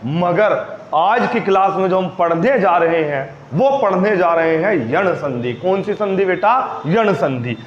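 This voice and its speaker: A male teacher giving a grammar lesson, quizzing his students repeatedly and stretching key words slowly. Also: high voice, animated, a little hiss or hum. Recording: roomy, dull lo-fi recording.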